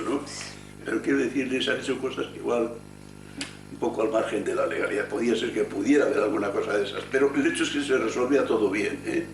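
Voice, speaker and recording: A man's voice: mid-range voice, a little hiss or hum. An older man, a retired doctor, talking in a rambling, hesitant way, often correcting himself. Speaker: retired gynecologist. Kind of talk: secretly recorded conversation. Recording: roomy, distant hidden recording.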